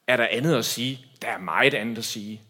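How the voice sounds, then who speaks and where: Pastor guy giving a sermon, husky voice, goes loud then drops real quiet. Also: medium pitch. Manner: preaching with wide swings from loud to hushed.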